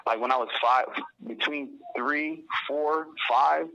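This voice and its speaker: A young man from Barbados speaks earnestly as an interview guest, with a bright, forceful edge to his voice. He often starts over mid-sentence as he works through his story. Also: mid-range voice, takes it slowly, vocal fry, lo-fi sound. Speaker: guest calling in from prison. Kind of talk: casual phone interview.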